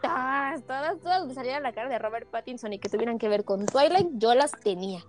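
A young woman chats on a podcast, her voice sitting high and bright as she retells a story with animated, dramatic flair. Faint music plays softly behind her. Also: fairly quick. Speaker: podcast co-host. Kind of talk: casual chat, personal storytelling.

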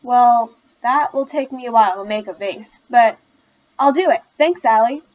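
A woman's voice: on the high side, moderate pace, darkish tone, lo-fi sound, lightly acted. A woman reading the part of a friendly man who does woodwork and is learning sign language, cheerful and a bit nosy.

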